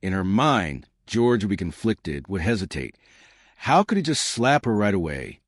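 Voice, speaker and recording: A man narrates a first-person story in a brisk, wry manner. His voice sits low but moves widely in pitch. The sound is dry and close. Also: very animated, no echo.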